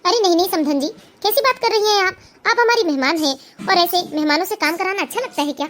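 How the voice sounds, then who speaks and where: A woman doing a gentle cartoon mother-in-law. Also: very high voice, fast talker. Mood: polite. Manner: gentle, soft-hearted. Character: kind, trusting middle-aged mother-in-law. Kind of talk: cartoon voice acting.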